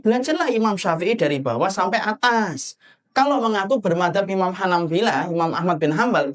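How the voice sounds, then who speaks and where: Animated Indonesian man preaching. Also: high voice. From Java. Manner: animated, rhetorical questions to the audience, acts out husband and wife. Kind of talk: sermon.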